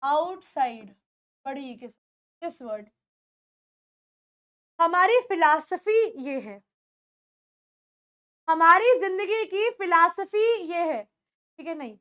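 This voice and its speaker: Woman teacher, first language Hindi, high voice, slow deliberate pronunciation drills. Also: lively intonation, a bit bright. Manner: repeats words slowly, asks pupils questions. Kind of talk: classroom-style lesson.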